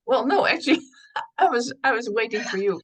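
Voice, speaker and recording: A woman's voice: a little high, animated, fairly quick, fairly bright tone, husky. A woman co-hosting a casual chat show, giggly and agreeable, often chiming in. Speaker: co-host of a spiritual show.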